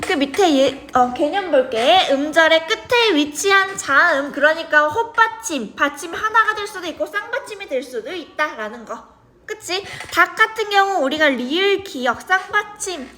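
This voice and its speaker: High-voiced woman teaching grammar. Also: lively intonation, moderate pace, bright, forceful tone, slight background noise. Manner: chatty, checks in with students often. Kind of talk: grammar lesson to students.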